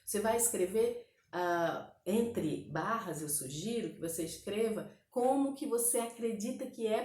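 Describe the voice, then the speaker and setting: A woman with a Brazilian Portuguese accent teaching an online language lesson, explaining step by step and often checking in with the listener. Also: medium pitch. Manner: patient step-by-step explaining with frequent "né?" and "ok?" check-ins. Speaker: English teacher. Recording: echoey room.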